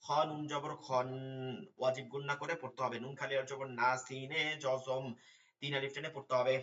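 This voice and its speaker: A man teaching an online Quran lesson, spelling out letters and vowel marks, then reciting verses in a slow chant. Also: medium pitch, flat delivery, a bit bright, far from the mic, dull audio.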